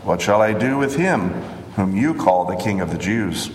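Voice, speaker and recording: A man voicing a stern, uneasy Roman governor during a measured scripture reading, in an echoey hall. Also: on the low side, expressive, natural voice. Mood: questioning. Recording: echoey hall with long reverb.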